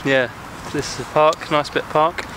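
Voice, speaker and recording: A man's voice: on the high side, fairly even intonation, moderate pace. A man chatting jokily on a casual vlog while walking through a park with a handheld camera. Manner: jokey, playful rambling. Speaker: vlogger. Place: outdoors in an urban park. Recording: noisy outdoor street recording. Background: traffic and city ambience.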